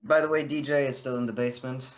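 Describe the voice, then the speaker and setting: A man's voice: mid-range voice, fairly even intonation, fast, a little hiss or hum. A young man co-hosting a podcast in crude casual chat, swearing a lot and laughing between lines. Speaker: podcast co-host.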